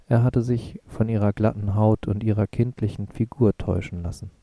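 A man reading an audiobook in a measured, even way. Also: fairly low pitch, vocal fry, no echo. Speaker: narrator. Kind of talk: audiobook narration.

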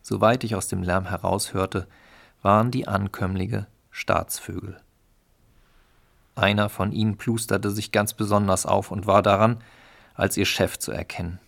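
Male narrator, dry wry audiobook read, low gravelly voice. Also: fairly even intonation, unhurried, fairly bright tone. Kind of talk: audiobook reading.

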